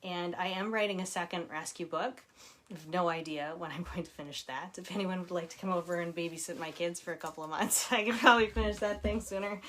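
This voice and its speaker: A woman in her forties, an author, hosts a casual live chat from home, chatty and warm as she reads viewer comments aloud and laughs often. Her voice sits fairly low and moves at a quick pace, with slight background noise.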